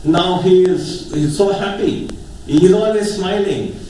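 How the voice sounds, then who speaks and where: A man's voice: high-pitched, takes it slowly, warm tone. A man with a North Indian accent gives an informal, earnest personal speech as a surgeon, emphatic and often repeating phrases. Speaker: eye surgeon giving a testimonial speech. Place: echoey hall. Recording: very echoey hall, distant mic, faint noise.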